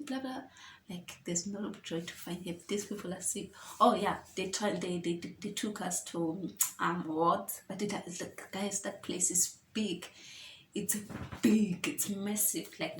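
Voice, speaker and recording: A woman's voice: medium pitch, a little mellow, roomy sound, a little hiss or hum, rough recording. A woman telling a personal story to her viewers in a chatty, emotional way, often calling them guys. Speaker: vlogger. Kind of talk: personal story-time vlog.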